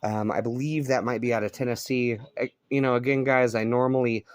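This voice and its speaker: A shortwave radio hobbyist and video host from Colorado talks fairly quickly in a clear, resonant, mid-range voice with fairly even intonation. His laid-back vlog commentary is recorded on a cell phone inside his home on a rural property.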